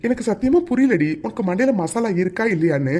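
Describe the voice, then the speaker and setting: A man's voice: high-pitched, lively intonation, fast, darkish tone. This is a young male lover in a cartoon, voiced by a man. He speaks in an everyday voice, teasing and scolding with fond impatience. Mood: exasperated. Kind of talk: cartoon dialogue.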